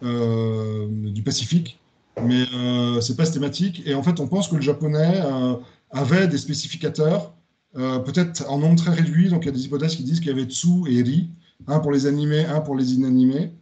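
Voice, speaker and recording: A man's voice: medium pitch, fairly quick, mellow, dull audio. A man giving a spoken lecture presentation, hesitant, with many fillers and restarts.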